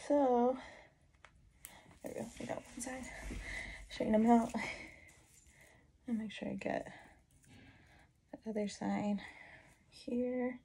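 A woman's voice: a little high, fairly even intonation, slow pace, long pauses, warm tone. A woman in her thirties chatting casually and rambling as she gets ready, recorded on a phone in a bedroom. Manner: rambling, talking to herself while busy. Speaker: lifestyle vlogger. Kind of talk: casual get-ready-with-me chat. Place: small bedroom indoors. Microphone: phone propped at about arm's length. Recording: clear background noise and clicks.

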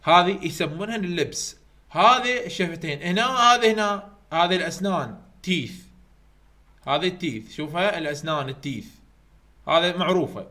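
A man with an Iraqi Arabic accent giving an online university lecture, repeating key points slowly to drill his students. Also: high voice, animated, sharp tone. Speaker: university English tutor. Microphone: computer mic over weak internet.

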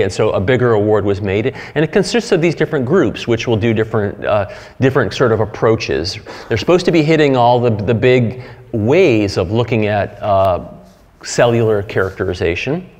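Halting man lecturing in a hall. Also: on the low side, animated, a little mellow. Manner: halting, many fillers and restarts. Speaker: keynote speaker. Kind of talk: conference talk. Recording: hall reverb.

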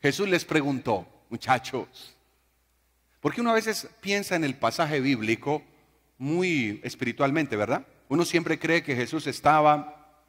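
A man's voice: on the high side, lively intonation, a little slow, a bit bright, in a large hall. A man preaching a sermon, telling stories and joking with the congregation. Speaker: pastor.

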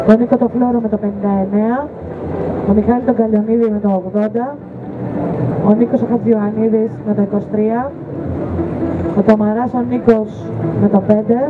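A woman calls a jet ski race live, listing the riders' numbers and names one after another in an even flow. Her voice sits a little high and sounds thin and tinny, as if heard over a phone line. Loud music plays behind her. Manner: announces rider numbers and names in steady lists. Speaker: race commentator.

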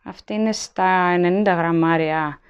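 A woman's voice: on the low side, steady tone, clear, resonant tone, lo-fi sound. A woman chatting casually as she shows her supermarket shopping to a handheld camera at home, listing items and weights. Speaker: vlogger. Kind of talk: casual haul vlog narration. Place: indoors at home, at a table. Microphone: handheld phone camera, filming items up close.

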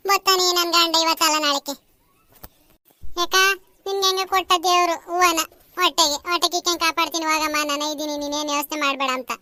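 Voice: extremely high pitch, steady tone, fast talker, bright, forceful tone, full character voice. A performer voicing pleading village women at a temple in a cartoon. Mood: relieved. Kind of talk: cartoon voice acting.

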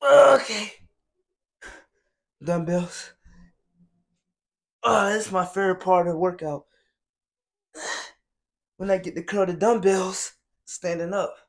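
Slow-talking tired man in a gym. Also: high voice. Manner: relaxed, chatty, addresses viewers directly. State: tired from lifting. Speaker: fitness vlogger. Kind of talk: casual workout vlog.

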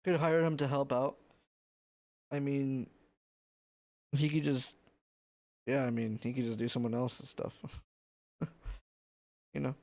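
Dude on a livestream headset mic, casual and mumbly, dead dry, middle pitch. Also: male voice, fairly even intonation, slow pace, creaky, long pauses, darkish tone, dry recording. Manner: loose, mumbling, trails off. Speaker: streamer. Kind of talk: casual chat with viewers.

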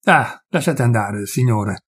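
A man voicing a stern, curt forest warden with a husky voice. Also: medium pitch, animated, slow. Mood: gruff. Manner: curt, gruff.

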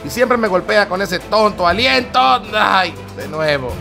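Brief: male game host, very high and gravelly, loudly calling each move. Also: animated, a little slow, over music. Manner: dramatic, exclamatory, narrates every move. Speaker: gaming channel host. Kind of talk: gameplay commentary.

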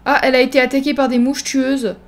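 A young woman giving excitable let's-play commentary on a life-simulation game, teasing her characters and erupting into mock-dramatic panic. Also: high voice, quick pace. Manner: animated, exclamatory, mock-dramatic; teasing, self-mocking asides. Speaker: gaming video host.

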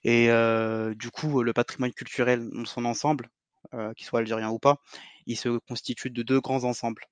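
Flat-voiced man explaining, halting. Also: mid-range voice, dry recording. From Algeria. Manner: halting, self-correcting. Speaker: podcast guest, heritage advocate. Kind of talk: explanatory interview answers.

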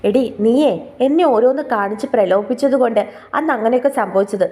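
A woman's voice: fairly high pitch, fast talker, dark tone, close to an everyday voice. A woman voicing a teasing young husband.

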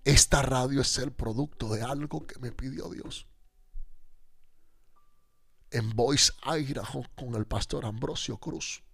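Male pastor, radio testimony, gravelly, animated, acts out each line of dialogue. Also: medium pitch, slow, long pauses, no room sound. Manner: animated storyteller acting out dialogue. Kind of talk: personal testimony on a radio show.

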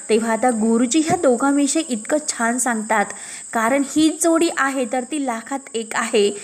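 A woman casually retelling a television serial episode in a chatty, filler-heavy storytelling style. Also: high-pitched. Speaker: serial recap narrator.

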